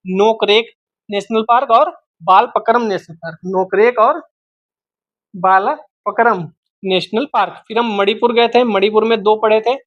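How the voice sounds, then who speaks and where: A man's voice: sits high, steady tone, moderate pace, dry recording, muffled recording. A man teaching a map-based geography lesson for exam students, repeating each name and asking and answering his own questions.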